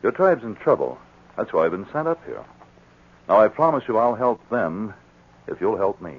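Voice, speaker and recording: Sergeant Preston, deep-voiced radio lawman. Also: very animated, moderate pace, breathy edge, full character voice. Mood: reassuring, firm. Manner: authoritative, questioning, emphatic. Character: firm, probing, fair-minded police sergeant of the northern wilderness. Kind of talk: 1940s radio acting. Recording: muffled, worn 1940s radio recording.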